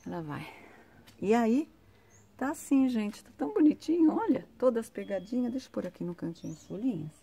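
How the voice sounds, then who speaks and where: A woman's voice: fairly high pitch, big pitch swings, fairly quick, gravelly, mellow, husky. A woman giving a chatty, casual vlog tour of her sunny home garden, pointing things out to viewers, recorded outdoors on a handheld phone.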